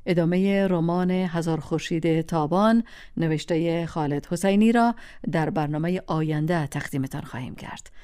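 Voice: mid-range voice, smooth. A program host giving a formal scripted sign-off to listeners. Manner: formal, warm farewell.

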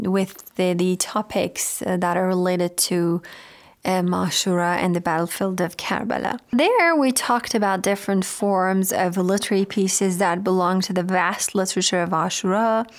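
A woman radio host, not a native English speaker, giving a talk on religious literature in a halting, hesitant way with drawn-out words. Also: mid-range voice.

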